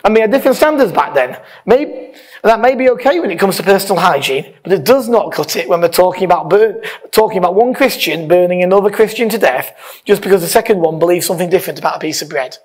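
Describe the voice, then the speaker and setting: Talking fast in a high-pitched voice with lively intonation, a man gives an informal sermon from a lectern on a church hall stage. He is a pastor, conversational and emphatic in his stresses, and partly reads aloud.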